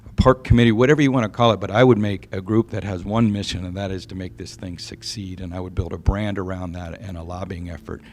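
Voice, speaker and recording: A man gives advice to a city audience, measured and steady, with the odd filler. His voice is very deep and carries a gravelly fry. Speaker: presenter advising a city. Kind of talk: public presentation with recommendations.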